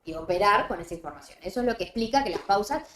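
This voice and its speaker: A woman with a Rioplatense Spanish accent giving a seminar lecture, explaining step by step and often checking with a quick "¿sí?". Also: medium pitch, lively intonation, fairly bright tone, slight background noise. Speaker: lecturer on reading fluency. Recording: roomy echo.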